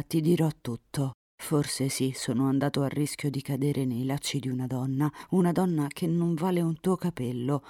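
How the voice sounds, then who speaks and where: A woman reading aloud, voicing a proud, sincere young count who speaks earnestly and sometimes in a hush. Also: low-pitched, no echo, clean studio sound. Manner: earnest, sometimes hushed to a whisper.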